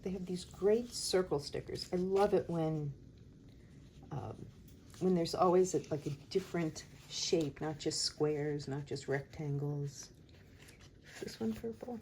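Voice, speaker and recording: A woman with a slightly low, soft-edged voice talks very slowly and casually. She thinks aloud as she goes, musing to herself in an unhurried chat. There is faint noise and the small sounds of writing behind her. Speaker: host of a planner decorating video.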